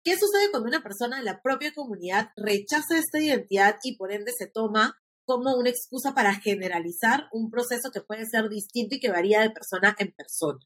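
A woman's voice: fairly high pitch, lively intonation, fairly quick, hardly any pauses, fairly bright tone. Woman, podcast host, interviewer, framing questions.

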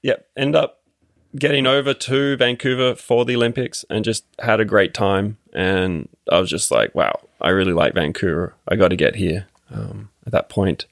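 A man's voice: on the low side, normal speed, vocal fry, no echo, clean studio sound. A man with an Australian accent, a podcast guest chatting casually and hesitantly, with many ums and restarts. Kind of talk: casual interview chat.

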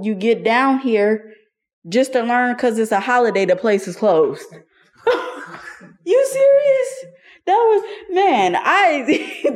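A woman's voice: mid-range voice, darkish tone. A young woman telling her own story in an interview, candid and casual, using slang and laughing often. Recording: faint music underneath.

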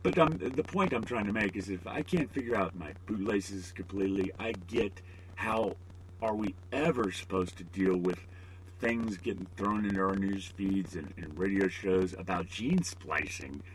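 A man's voice: low-pitched, moderate pace, a little hiss or hum, low-quality recording. A middle-aged man hosting a podcast alone, rambling with joking, self-deprecating asides. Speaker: podcast host. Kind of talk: casual solo podcast monologue.

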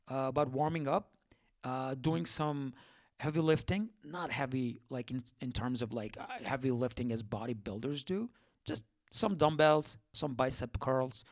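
A man's voice: mid-range voice, no echo. A man hosting a solo podcast, talking casually and reflectively, with lots of fillers and self-corrections. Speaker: podcast host.

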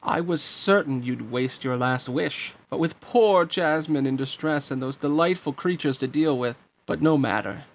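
In a storybook reading, a man voices a smug, sneering, scheming sorcerer, gloating with drawn-out menace. The voice is grating and a little high yet natural.

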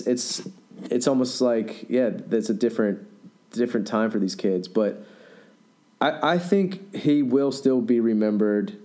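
A man's voice: lowish voice, mellow. A man in his thirties hosting a podcast, chatting casually and rambling with lots of fillers and restarts. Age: 30s. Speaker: podcast host.

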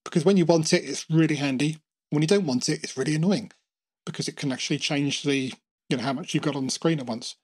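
A man's voice: a little high, quick pace, darkish tone, slightly rough. A man hosting a casual podcast chat, talking in a chatty way with light humor. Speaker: podcast host.

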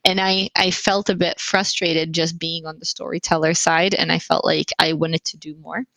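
A woman talks as an interview guest in a low, creaky voice. She speaks reflectively, often breaking off and restarting her sentences, and the recording is dry and close. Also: level tone, normal speed, pushed and bright, dry recording, poor audio. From Finland. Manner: reflective, with restarts and self-corrections. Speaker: guest investor. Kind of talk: interview answers.

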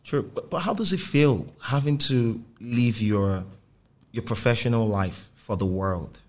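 A man's voice: medium pitch, unhurried. A man interviewing in a conversational way, probing and rephrasing his questions as he goes.

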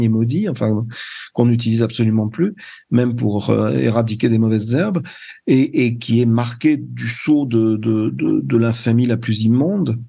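Older man with a dark husky voice. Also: mid-range voice. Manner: hesitant, searching for words, many restarts. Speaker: translator, interview guest. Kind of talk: conversational interview.

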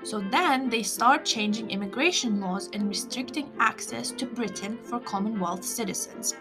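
A young woman hosting a scripted podcast, explaining in a measured way with wry asides. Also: fairly high pitch, music in the background. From Lithuania. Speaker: podcast host.

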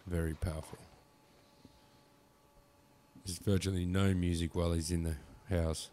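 Deep-voiced Kiwi man, slangy. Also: little pitch movement, unhurried, dark tone. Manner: sweary, slangy. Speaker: podcast co-host. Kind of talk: casual film chat. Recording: clearly noisy background ambience.

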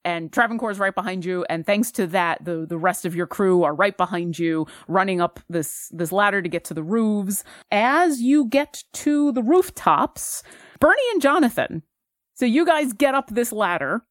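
A woman's voice: medium pitch, animated, moderate pace, no room sound, clean studio sound. A woman running a tabletop game as game master, describing scenes and asking the players what they do. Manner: descriptive, with frequent fillers and restarts.

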